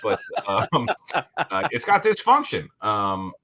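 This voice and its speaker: Lively, low-voiced man chatting on a podcast. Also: a little hiss or hum. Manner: animated, laughs often, quick asides. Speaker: podcast co-host. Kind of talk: casual chat.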